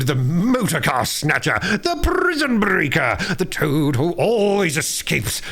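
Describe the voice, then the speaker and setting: A man voicing a cocky toad in washerwoman disguise, high voice, wildly lively swoops, storybook. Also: creaky, exaggerated voice. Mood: boastful. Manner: high feeble put-on voice, turning to loud swaggering boasts. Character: boastful reckless male toad disguised as washerwoman.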